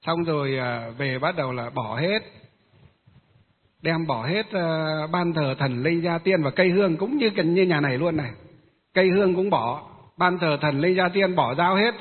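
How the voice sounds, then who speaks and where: A Buddhist monk telling a long story in a rambling, halting way, with many filler pauses. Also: male voice, on the high side, husky. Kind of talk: storytelling Dharma talk. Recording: tinny phone-like sound with long reverb.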